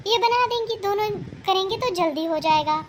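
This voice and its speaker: Woman voicing an older cartoon mother-in-law, lectures hard, very high-pitched. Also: normal speed, a little hiss or hum. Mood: scolding. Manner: scolding, lecturing. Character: older scolding mother-in-law, sharp-tongued but fair. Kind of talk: cartoon voice acting.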